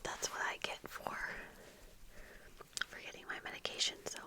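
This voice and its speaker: This is casual, unhurried ASMR chatter from a young adult woman who creates such videos, whispered softly and with lots of breath. She sits close to a fluffy-windscreened desk microphone in a small room at home with bookshelves.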